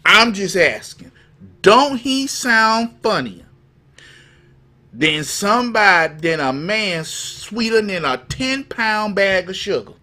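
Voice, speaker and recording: A man's voice: sits high, very animated, slow, pushed and bright. A man hosting a live commentary show, talking to his viewers in a folksy, mocking way over news clips. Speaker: livestream commentary host.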